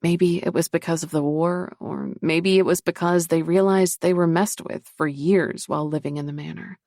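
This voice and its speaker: A woman narrating a paranormal romance audiobook in a measured, steady reading. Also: on the low side, gravelly, no room sound, studio quality. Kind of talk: scripted narration.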